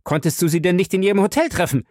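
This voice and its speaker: A man reading an audiobook and voicing a jealous wife who screams her accusations in a shrill, cracking voice. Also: sing-song, a little fast, no echo, studio quality. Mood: furious. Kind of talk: audiobook character voice.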